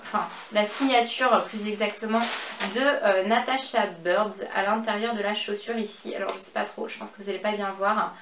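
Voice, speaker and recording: A woman's voice: medium pitch, a bit bright. Chatty French woman in an echoey room. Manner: chatty, many fillers, slow over items. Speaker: beauty and fashion YouTuber. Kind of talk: casual haul vlog. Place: home office and makeup room. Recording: echoey room, faint background noise.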